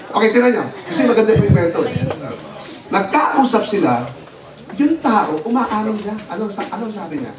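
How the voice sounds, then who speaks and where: A man preaching as pastor, telling a story in an animated way and mixing in English words. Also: high-pitched. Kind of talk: sermon. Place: church hall. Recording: echoey hall, distant mic, noisy.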